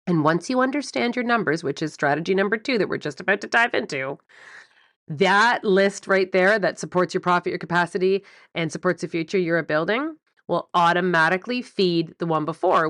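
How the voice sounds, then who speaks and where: A woman hosting a solo business podcast, coaching listeners in an animated, emphatic way and stressing key words by repeating them. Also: fairly low pitch, moderate pace, no room sound, clean studio sound. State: morning voice before coffee. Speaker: podcast host and business mentor.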